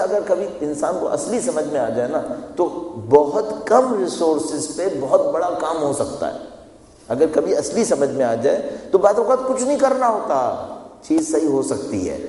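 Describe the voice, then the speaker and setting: A man's voice: fairly high pitch, dark tone. A man giving a sermon in a storytelling, conversational way, repeating phrases for emphasis. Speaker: preacher. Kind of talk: sermon with personal anecdotes. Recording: echoey hall with long reverb.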